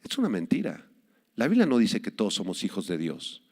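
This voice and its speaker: Emphatic male pastor with lively swinging pitch. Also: a little fast, vocal fry, big-room sound. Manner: emphatic preaching, dramatic swings in pitch and loudness. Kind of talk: sermon.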